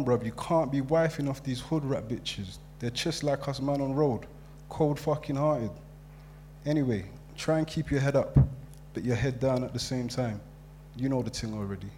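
A man voicing a streetwise young London man fresh out of prison, all slang and swagger. The tone is mellow and warm at a middling pitch, with a faint hum behind it. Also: close to an everyday voice. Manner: loose slangy banter, swaggering. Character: streetwise young male friend fresh out of jail. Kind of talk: dramatic reading of letters.

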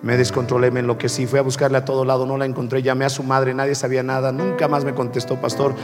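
A pastor voicing an injured, despairing young man who drank, in a low, subdued and pained voice. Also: monotone, fast talker, lightly acted. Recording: long reverb with faint music.

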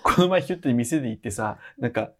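A man, co-hosting a casual podcast chat, animated and quick to laugh. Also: mid-range voice, vocal fry. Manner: laughs often, animated and teasing. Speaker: podcast co-host.

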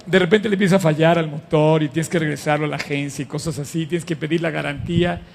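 Gravelly high-voiced preacher. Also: male voice, fast talker, long reverb tail, a little hiss or hum. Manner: animated and conversational, addresses the audience with questions. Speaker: pastor. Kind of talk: lively sermon to a live congregation.

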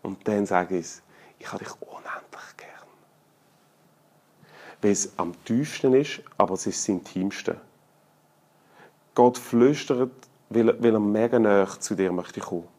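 A middle-aged man with a Swiss German accent preaching a sermon in a colloquial, humorous way, swinging between loud calls and hushed, intimate tones. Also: fairly low pitch, a little slow.

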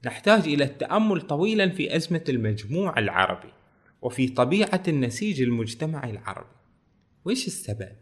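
A man's voice: on the high side, very animated, fast. A man with a Bahraini Arabic accent reading passages aloud and explaining them in casual dialect, with frequent fillers. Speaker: book reviewer. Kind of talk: casual book talk.

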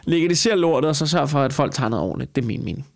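A man's voice: fairly high pitch, expressive, creaky, no room sound. A Danish man hosting a casual podcast chat, swearing freely and ranting with incredulity. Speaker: podcast host; stand-up comedian.

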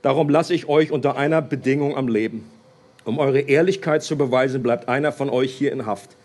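A man reading the lines of a stern, commanding ruler in a measured tone. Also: mid-range voice, darkish tone, close to an everyday voice.

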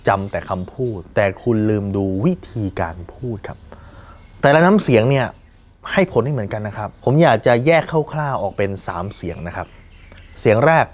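A man's voice: on the low side, expressive, moderate pace. A man acting as a sales coach, giving a direct podcast lesson and asking the listener questions.

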